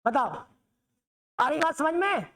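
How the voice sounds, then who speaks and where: A woman's voice: high-pitched, big pitch swings, slow pace, a bit bright. A woman teaching the Hindi alphabet in a classroom lesson, asking questions and answering them herself, often checking that students understand.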